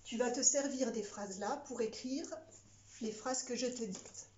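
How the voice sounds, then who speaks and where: Female primary teacher, higher-pitched, dictating word by word with instructive asides to one pupil; roomy echo. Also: a little mellow, slight background noise. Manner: dictating word by word, spelling out and pausing. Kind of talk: dictation lesson for children. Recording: echoey room, slightly muffled sound.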